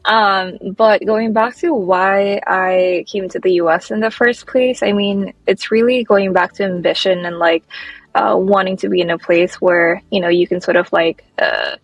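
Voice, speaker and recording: A woman's voice: mid-range voice, steady tone, normal speed, no echo, dull audio. A woman in her thirties from Nepal, a startup founder answering as a podcast guest, chatty and full of "like". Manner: chatty, leans heavily on "like". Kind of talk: casual interview. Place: New York City.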